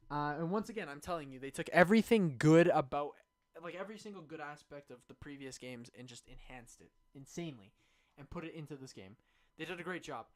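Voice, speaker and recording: A young man streaming, rambling enthusiastically through a casual game review, with many fillers and restarts. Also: fairly high pitch. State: hiccuping.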